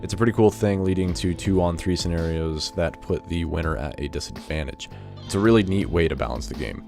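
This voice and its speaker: Hosting a casual video game first-impressions show, a man with an extremely low voice and vocal fry speaks a little fast, informally thinking aloud. Faint music plays behind him.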